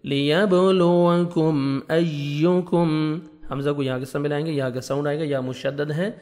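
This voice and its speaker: A man teaching Quran reading, explaining each letter step by step and slowly reciting verses in a drawn-out, melodic way. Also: fairly high pitch, level tone, a little mellow, long reverb tail. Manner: patient, step-by-step letter instruction. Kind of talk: tajweed lesson, slow recitation between explanations.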